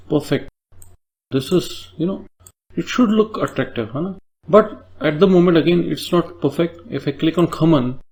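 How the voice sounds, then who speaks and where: In a screen-recorded coding lesson, a male tutor with an Indian English accent explains each step and checks understanding with tag questions. His voice sits on the high side with a darkish tone.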